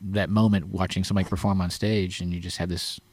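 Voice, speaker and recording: A man's voice: sits low, little pitch movement, fast talker, darkish tone, dry recording. A man co-hosting a podcast, telling stories in a rambling, amused way. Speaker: co-host. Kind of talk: casual podcast chat.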